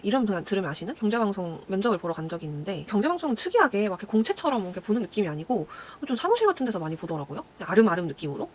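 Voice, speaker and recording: A young woman chats to her viewers at a very quick clip, a former announcer telling stories from her career. She slips into little voices for the people she quotes. A faint noise sits under the recording. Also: medium pitch. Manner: chatty storytelling, acts out quoted people. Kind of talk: casual chat to viewers while doing makeup.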